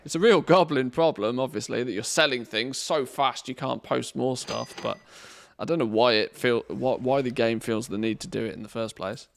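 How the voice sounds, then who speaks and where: A man chatting casually to viewers on a game livestream, rambling informally, with a gravelly voice. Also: mid-range voice, moderate pace, hardly any pauses. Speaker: game streamer and video maker. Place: indoor studio room padded with cushions against echo.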